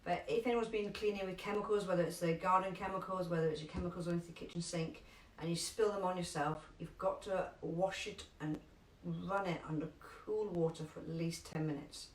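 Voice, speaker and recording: A woman's voice: on the low side, steady tone, a little hiss or hum. Chatty first aid teacher woman, echoey room. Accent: London English. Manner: chatty, emphatic, repeats key instructions slowly. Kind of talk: live online first aid class. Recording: echoey room, distant from mic.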